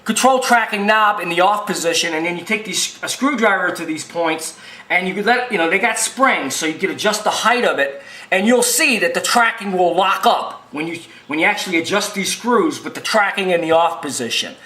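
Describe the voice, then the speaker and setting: With a notably high, edgy voice, a video machine repair technician talks animatedly and fairly fast through a repair for an informal tutorial. His delivery is folksy and forceful, wandering and looping back over points, and the recording sounds reverberant and roomy.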